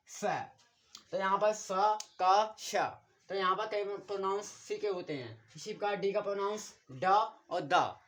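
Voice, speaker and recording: Man teaching letter sounds, slow and repetitive. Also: high-pitched. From India. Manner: steady classroom explaining, spells out letters slowly; repeats and drills sounds, keeps pointing to the board. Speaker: English teacher. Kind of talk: online English lesson.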